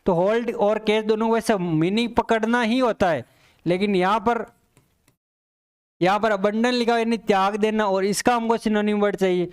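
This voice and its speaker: A man whose voice sits high, with fairly even intonation and a clear, resonant tone, teaches exam-prep English. He explains answers step by step, repeats the main points to his students, and reads the English example sentences slowly and deliberately.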